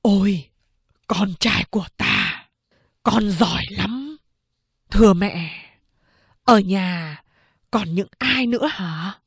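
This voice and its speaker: A woman voicing a grim, fierce man who has returned to his family, speaking low and clipped. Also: slow, long pauses, husky, no room sound, full character voice. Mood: grave. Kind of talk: audiobook character reading.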